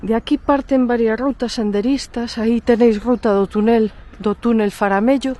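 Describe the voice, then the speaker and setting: A woman's voice: fairly high pitch, fairly even intonation, moderate pace, dark tone. Nasal, congested woman vlogging. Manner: chatty, pointing things out as she walks. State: stuffy cold, congested. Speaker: travel vlogger, host. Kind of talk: casual guided tour. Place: outdoors in a village.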